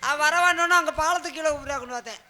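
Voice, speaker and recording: A man's voice: extremely high pitch, fast, crowd noise. A man on a village drama stage, reading out notices like an announcer and trading jokes. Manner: reads out a sponsor notice in a chanting, announcer way. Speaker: stage comedian.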